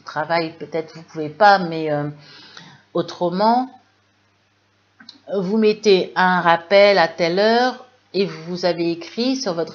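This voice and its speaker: A woman with a French accent teaching English in a live webinar, lively and full of fillers, reading chat questions aloud. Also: mid-range voice. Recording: dull lo-fi webinar audio.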